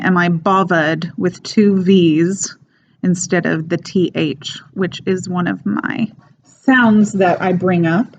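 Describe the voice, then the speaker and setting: A woman, an English teacher, giving a casual spoken lecture, explaining things in an unhurried way with frequent fillers. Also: on the low side. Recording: dull lo-fi recording with faint noise.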